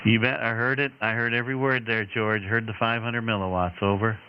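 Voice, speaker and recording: A man's voice: fairly low pitch, flat delivery, a little fast. Man running a crackly, muffled radio net. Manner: procedural radio jargon and call signs. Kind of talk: ham radio net check-ins. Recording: crackly muffled radio audio, heavy noise.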